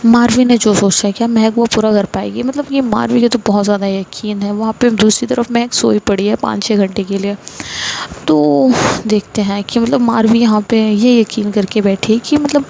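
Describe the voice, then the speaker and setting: A woman's voice: fairly high pitch, vocal fry, dark tone, a little hiss or hum. A young woman from India telling a story in a casual, chatty way with lots of fillers. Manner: chatty, many filler words.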